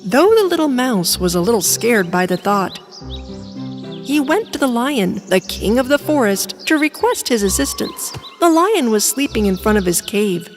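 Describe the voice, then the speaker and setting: A woman narrating a children's storybook in an expressive, sing-song manner. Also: mid-range voice.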